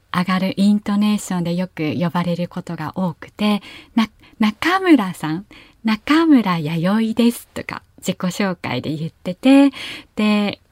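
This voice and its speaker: A woman podcast host from Kyushu with a Kyushu dialect, telling gentle bedtime stories in a soft, chatty way and giggling often. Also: medium pitch, no echo, clean studio sound. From Kyushu, Japan.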